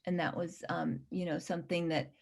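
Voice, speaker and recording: A woman's voice: on the low side, fairly even intonation, normal speed, creaky, a little mellow. A woman documentary director answering interview questions earnestly, often restarting her sentences.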